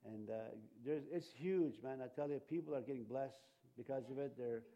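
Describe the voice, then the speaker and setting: Here a pastor from Canada, originally a Cree and Ojibwe speaker, gives a rambling sermon to his church, restarting often and leaning on fillers. His mid-range voice has a dark tone and runs a little fast. The audio sounds dull.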